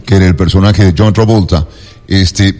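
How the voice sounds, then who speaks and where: Host guy, really deep voice, easygoing, lots of echo. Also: moderate pace. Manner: relaxed, lots of short backchannels. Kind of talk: casual conversation.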